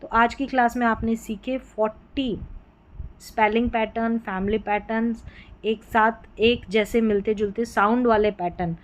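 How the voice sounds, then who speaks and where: Woman teacher spelling out phonics, bright-pitched. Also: fairly even intonation, a little slow, rough recording. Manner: patient, spells out letters then sounds each word. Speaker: English teacher. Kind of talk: classroom-style phonics lesson.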